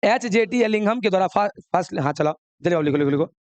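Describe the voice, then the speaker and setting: A man's voice: high voice, lively intonation, fast talker, no room sound. A man teaching a chemistry class, coaxing and scolding students while mixing with English. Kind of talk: classroom lesson.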